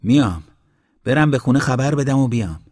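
A man's voice: medium pitch, lively intonation, a little mellow, breathy edge, pitched above the performer's own voice. A man voicing an eager young village man, the neighbor's son, in a storybook reading. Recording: long hall reverb.

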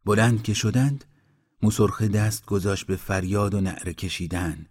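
A man narrating a storybook in a steady, measured reading voice. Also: on the low side, no echo, clean studio sound.

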